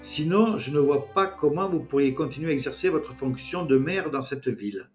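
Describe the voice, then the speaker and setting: A man's voice: fairly high pitch, lively intonation, normal speed, soft background music, pitched above the performer's own voice, natural voice. A man voicing a pompous former notable who rambles and hesitates.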